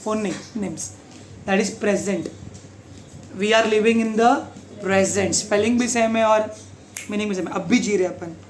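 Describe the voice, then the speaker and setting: A man's voice: high voice, slow, pauses often. A male tutor drills a class on grammar, firing questions at his pupils and throwing in English example sentences. His voice rings through a bare, echoey classroom. Faint noise sits underneath. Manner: quizzes pupils, mixes English lines into Hindi, keeps asking "समझा?". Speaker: teacher.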